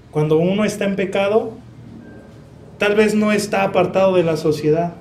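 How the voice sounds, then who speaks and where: A man's voice: sits high, darkish tone, slight background noise. A young man preaching a sermon in a Mexican Spanish accent, earnest and personal, often asking the congregation questions.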